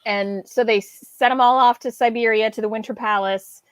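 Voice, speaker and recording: A woman in a casual movie-night chat, her voice a little on the high side and close, with no room sound. She giggles often and goes on at length about history. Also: fairly even intonation, fairly quick, no room sound. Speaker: podcast guest.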